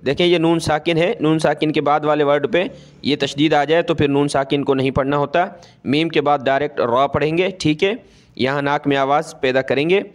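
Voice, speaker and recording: A male Quran teacher who recites verses slowly and drawn out, then explains the letters and vowel marks in quick asides. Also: a little high, fairly even intonation. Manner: slow drawn-out recitation with brisk explanations between.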